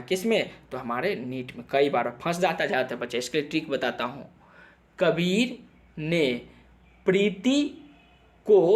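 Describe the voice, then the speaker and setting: A young man teaching biology for an exam, his voice sitting a little high for a man. He fires question after question and answers them himself, stumbling through English textbook lines. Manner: drills students with repeated questions and answers; switches between Hindi and halting read-aloud English. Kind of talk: exam-prep lecture.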